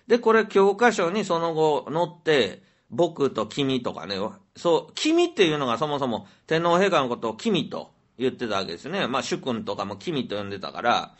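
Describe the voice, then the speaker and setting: A man's voice: fairly high pitch, a bit bright. A man with a Kansai accent chatting casually as a podcast host, musing aloud and rambling with many fillers. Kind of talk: casual chat.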